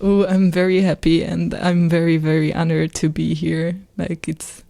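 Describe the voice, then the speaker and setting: A woman from Hungary with a Hungarian accent, a guest musician in a casual interview chat, speaking haltingly and laughing often. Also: on the low side, little pitch movement, gravelly.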